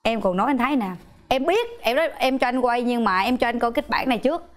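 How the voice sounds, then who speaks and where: A young woman guest telling a lively birthing story in casual chat, laughing often and acting out quotes. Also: a little high, quick pace.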